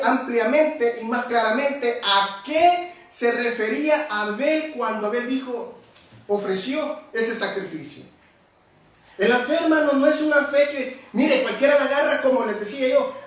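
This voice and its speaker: High-voiced preacher in an echoey hall. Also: male voice. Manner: explains word by word, addresses listeners as brother. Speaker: pastor. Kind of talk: sermon. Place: church hall. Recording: very echoey hall, far from the mic.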